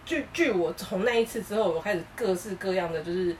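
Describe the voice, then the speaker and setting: A woman co-hosting a casual chat podcast, telling stories in a lively way and acting out what people said. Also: medium pitch, fairly quick, recorded from a distance, a little hiss or hum, poor audio. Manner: animated storytelling, acting out quoted lines. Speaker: podcast co-host.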